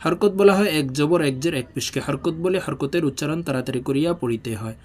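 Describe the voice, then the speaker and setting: A man teaching Quran reading, who explains quickly and then recites and spells each syllable slowly and drawn-out. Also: a little high, expressive, a little mellow. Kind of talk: religious reading lesson.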